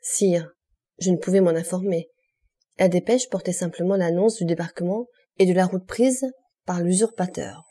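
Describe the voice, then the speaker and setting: A woman's voice: lowish voice, steady tone, normal speed, mellow, husky. A woman reading a stammering, frightened minister. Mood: fearful. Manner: stammering, despairing. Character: frightened male police minister.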